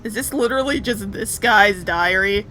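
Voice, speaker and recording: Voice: medium pitch, moderate pace, bright, forceful tone, slight background noise. A co-commentator on a video game, joking, teasing and laughing often. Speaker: let's play co-commentator. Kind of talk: casual gaming commentary.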